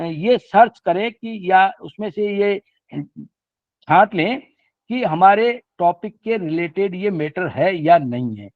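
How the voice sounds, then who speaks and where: A man's voice: sits high, no room sound. Older man lecturing over a tinny line. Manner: mixes Hindi with slow read-out English lines. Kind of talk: academic lecture. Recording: dry, tinny phone-like sound.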